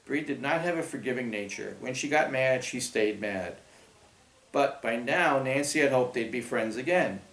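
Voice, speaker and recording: A man narrating a children's audiobook in a steady storytelling manner. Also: medium pitch, normal speed. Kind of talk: scripted narration. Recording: roomy echo.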